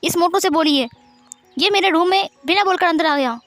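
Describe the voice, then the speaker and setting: A woman's voice: very high voice, a little fast, a bit bright, no echo, pitched above the performer's own voice. A woman voicing a grumpy young man who talks curtly and mutters. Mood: irritated. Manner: curt, muttered. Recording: faint background music.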